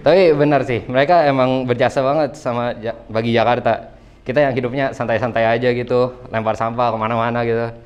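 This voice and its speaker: A young male voice of medium pitch doing wry, easygoing stand-up in a classroom. A faint hiss runs under it. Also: flat delivery, brisk, highs cut off. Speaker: student comedian. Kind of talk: stand-up comedy.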